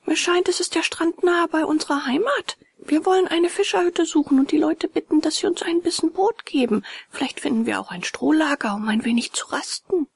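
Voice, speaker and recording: A woman's voice: high-pitched, a little fast, vocal fry, few pauses, no echo, clean studio sound, voice pushed up. A woman voicing an earnest, remorseful wooden puppet boy in a storybook, talking eagerly and pleading.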